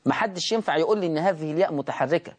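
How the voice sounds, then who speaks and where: An Egyptian Arabic-accented man leads a Tajweed recitation lesson. He keeps firing questions at the class and answering them himself. He drags out example words slowly to show how they should be pronounced. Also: on the high side. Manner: asks and answers his own questions, drawn-out demonstrations. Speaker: Quran recitation teacher.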